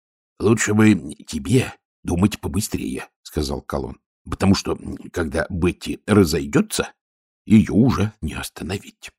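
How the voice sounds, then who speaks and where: A man's voice: low-pitched, animated, moderate pace, darkish tone, husky, no echo, studio quality. Man doing a nervous dim sergeant. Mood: anxious. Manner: anxious, blurting.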